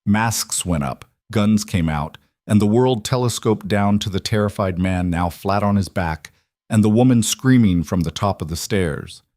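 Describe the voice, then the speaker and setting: Low-voiced man narrating a Western. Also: dry recording, clean studio sound. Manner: steady and measured storytelling. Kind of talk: scripted Western story narration.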